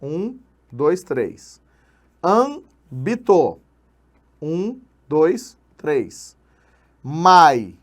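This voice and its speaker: A man with a Brazilian accent teaching an online exam-prep lesson, energetic and slangy, counting syllables aloud. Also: fairly high pitch, measured pace. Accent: Brazilian Portuguese.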